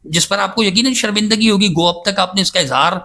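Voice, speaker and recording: Guy on a podcast w a high bright voice, keeps insisting he's right. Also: vocal fry. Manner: emphatic, insistent, defends himself at length. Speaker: guest scholar in a podcast interview. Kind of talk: casual debate-style interview talk.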